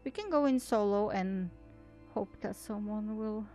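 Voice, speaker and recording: Faint music plays as a non-native English-speaking woman, a gaming video creator and host, reads an article with casual asides. She speaks at a measured pace in a mellow, medium-pitched voice, often stumbling and beginning again.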